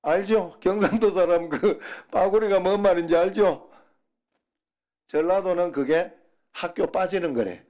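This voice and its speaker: A man's voice: high voice, unhurried, darkish tone. A middle-aged man preaching a Sunday sermon, folksy and humorous, telling dialect jokes to the congregation. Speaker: pastor.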